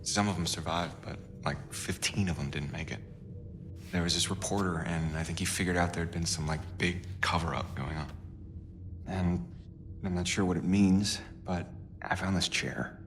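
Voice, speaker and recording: A man's voice: sits low, fairly even intonation, normal speed, a bit bright, slight background noise. An actor playing a brash, restless young man in a video game who talks bluntly, sarcastically and with plenty of swearing. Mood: uneasy.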